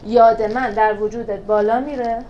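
Lively woman teaching a scripture class. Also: on the high side, dull audio, slight background noise. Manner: lively, asks rhetorical questions and answers them. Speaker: teacher of a Quran class for women. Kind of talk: religious lesson explaining scripture.

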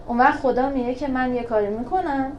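Lively woman teaching a scripture class. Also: high voice, slight background noise. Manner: lively, asks rhetorical questions and answers them. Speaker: teacher of a Quran class for women. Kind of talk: religious lesson explaining scripture.

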